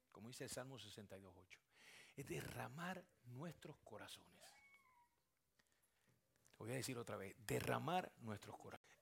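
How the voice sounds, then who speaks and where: A man preaching a sermon as pastor, swinging from hushed, almost whispered lines to loud, shouted climaxes and repeating key phrases for emphasis. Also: medium pitch, creaky.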